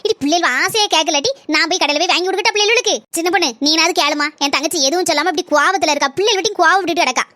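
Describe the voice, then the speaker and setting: Squeaky, rapid-fire sister-in-law. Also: female voice, pushed and bright, no room sound, clean studio sound. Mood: pleading. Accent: Kanyakumari Tamil. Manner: rapid, taunting chatter. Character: young sister-in-law, meddling and cheeky.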